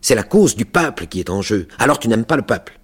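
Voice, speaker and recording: A man's voice: on the low side, very animated, quick pace, breathy edge, pitched above the performer's own voice. A man voicing Taher, a fervent revolutionary. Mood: fierce. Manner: insistent, heated. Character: grim fervent male revolutionary plotter, adult.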